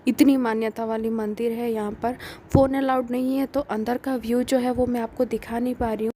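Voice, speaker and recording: Chatty young woman vlogger, dark voice. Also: on the high side, little pitch movement, brisk, slight background noise, rough recording. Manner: chatty, mixes English words into Hindi. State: feeling feverish, speaking softly. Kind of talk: casual travel vlog chat.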